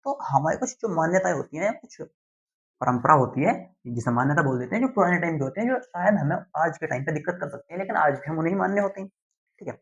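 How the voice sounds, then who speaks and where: A young man, teaching a class lesson slowly and deliberately, often checking in with his students. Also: fairly high pitch, expressive, a bit bright. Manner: slow, deliberate explaining with frequent "theek hai" check-ins. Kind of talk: classroom lecture. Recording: dull lo-fi sound.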